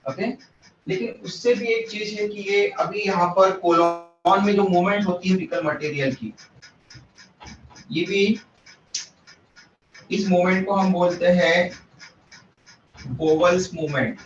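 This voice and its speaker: A man's voice: high-pitched, slow pace, long pauses, slight background noise. A man teaching a biology class in a classroom, explaining step by step, asking his students questions and mixing English terms into his Hindi. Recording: echoey room, distant mic, muffled.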